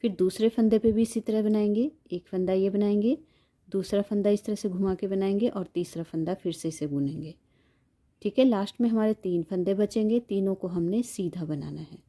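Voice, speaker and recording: A woman's voice: mid-range voice, normal speed, mellow. A woman giving a step-by-step knitting tutorial, patiently counting stitches aloud and repeating each instruction.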